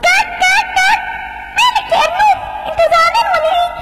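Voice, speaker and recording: A woman voicing a loud, fast-talking female duck who quacks, with an Egyptian accent. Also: extremely high pitch, pitched above the performer's own voice. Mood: chirpy. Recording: echoey with loud music behind.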